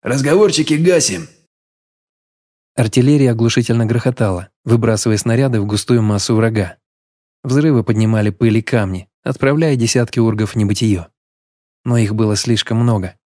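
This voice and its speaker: A man narrating a first-person audiobook story in a steady, even way. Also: lowish voice, brisk, dry recording, clean studio sound.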